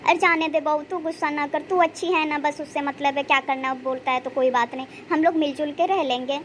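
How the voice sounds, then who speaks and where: A woman's voice: high voice, fairly even intonation, fairly quick, a bit bright, slight background noise. A woman voicing an emotional, pious mother-in-law who prays aloud and heaps praise on her daughter-in-law in a cartoon story. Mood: tender.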